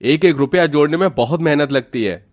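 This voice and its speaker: A man's voice: a little high, animated, a little fast, dry recording, studio quality, lightly acted. A man voicing an irritated young husband who scolds his wife in exasperation. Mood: exasperated.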